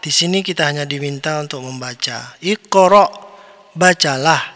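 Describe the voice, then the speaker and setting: A man teaching a lesson, reciting words slowly and drawn out, then giving their meaning. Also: a little high, bright, forceful tone, in a large hall. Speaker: Arabic teacher. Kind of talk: recorded online lesson.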